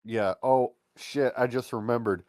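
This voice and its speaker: A man co-hosting a podcast in casual chat, animated and crude, often swearing and slipping into mocking voices. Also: medium pitch, unhurried, dry recording, clean studio sound. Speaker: podcast co-host.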